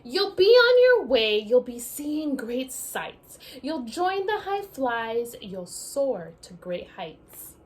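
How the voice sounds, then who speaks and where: Her voice sitting high, a teacher reads a picture book to young children slowly and with hardly any pauses, talking to them directly. The delivery is expressive and sing-song, and a little hiss or hum can be heard.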